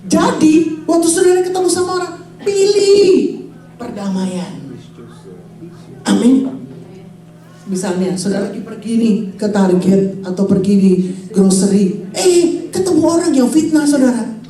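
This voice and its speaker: A woman in her forties, a pastor preaching a lively sermon and calling out to her congregation. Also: high-pitched, measured pace, long pauses. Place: church hall. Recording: echoey hall, voice from far off.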